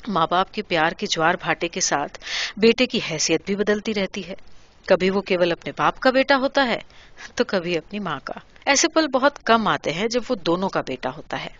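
A woman reading a literary story aloud in a measured, quiet way. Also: mid-range voice, lo-fi sound.

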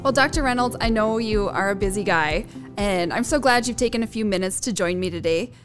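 A woman's voice: medium pitch, a little fast, over music. A woman hosting a podcast interview, friendly, upbeat and chatty. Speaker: podcast host.

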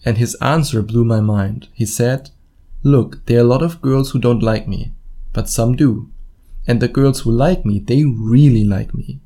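With an unhurried, warm, mid-range voice, this German-accented man hosts a solo podcast as a dating coach. He talks straight to the listener, informal and blunt, tossing in casual swears and playing out imagined quotes.

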